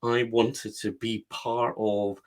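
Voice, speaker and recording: A book strategist appears as a guest on an interview podcast, speaking in a West of Scotland accent. His voice is fairly low with little change in pitch, and he talks slowly, driving points home through repeated phrases.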